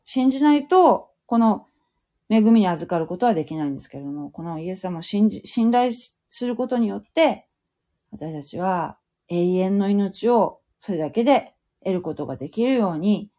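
A woman with a lowish, dark and mellow voice gives a casual Bible teaching for a podcast. She explains step by step, reads scripture passages aloud and stops to comment on them. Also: very animated, brisk. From Fukuoka, Japan. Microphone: home podcast mic.

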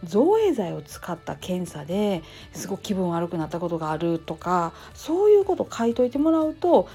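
A woman's voice: lowish voice, moderate pace, husky, faint music behind. A woman nurse hosting her own channel, talking casually in a Kansai accent, chatty and full of fillers. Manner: chatty, lively, hedging with fillers. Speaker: nurse and temple priest's wife, channel host. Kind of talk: casual solo talk.

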